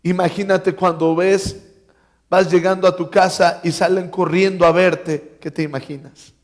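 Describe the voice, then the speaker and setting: A man preaching in a church, in a fairly high voice. He takes his time and lets each phrase land slowly. He tells stories and acts out the dialogue in them, with a light sense of humor. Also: flat delivery. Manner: storytelling, acting out dialogue with humor. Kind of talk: sermon.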